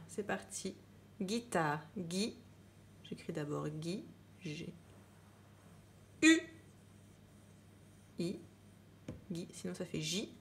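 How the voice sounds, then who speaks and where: Woman schoolteacher, unhurried dictation voice, stresses each word and spells it out. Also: lowish voice. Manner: slow, clear dictation, spelling words letter by letter; repeats each word with emphasis. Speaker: primary school teacher. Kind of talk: dictation lesson for children.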